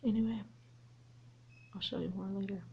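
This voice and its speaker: A woman's voice: medium pitch, steady tone, normal speed, gravelly, a little hiss or hum. A woman who homeschools her children, chatting casually in a vlog, rambling with lots of ums and restarts. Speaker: homeschooling mother vlogger. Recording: slightly dull lo-fi audio.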